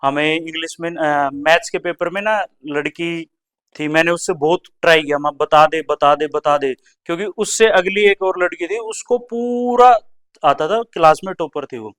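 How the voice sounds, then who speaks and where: Animated stand-up comedian, smooth clear voice. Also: male voice, fairly high pitch. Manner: animated, acts out teachers and classmates in quick voices. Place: comedy club stage.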